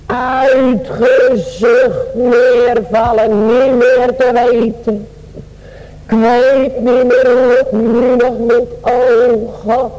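High-voiced chanting male preacher. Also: dark tone, in a large hall, slight background noise, poor audio. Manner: chanting, sing-song preaching cadence; addresses listeners as beloved, pleading. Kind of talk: sermon.

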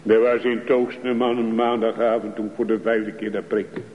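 A man preaching a sermon in a slow, pleading way that rises to fervent calls. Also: fairly low pitch, little pitch movement, a little hiss or hum. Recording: dull, echoey church recording.

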